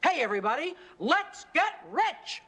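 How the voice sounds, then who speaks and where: A woman's voice: a little high, expressive, normal speed, fairly bright tone. An actress playing a cheerful, encouraging woman running a small catering business, in a sitcom. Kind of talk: sitcom acting.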